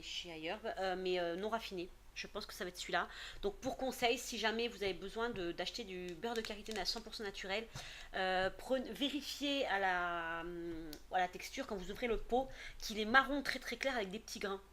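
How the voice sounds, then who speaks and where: A woman's voice: mid-range voice, a bit bright, slight background noise. A woman in her thirties chatting casually through a product haul, with lots of fillers and restarts. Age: 30s. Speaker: beauty vlogger.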